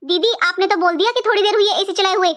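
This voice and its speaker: A woman's voice: very high-pitched, fast. A woman voicing a scheming, bossy young sister-in-law in a cartoon, nagging and taunting. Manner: nagging, taunting, sharp-tongued. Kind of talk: cartoon voice acting.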